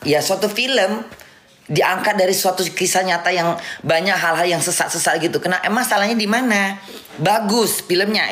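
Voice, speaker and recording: A middle-aged woman giving indignant, casual commentary on a film as a vlogger at home, often restarting and repeating words. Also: fairly low pitch. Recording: roomy echo, faint background noise.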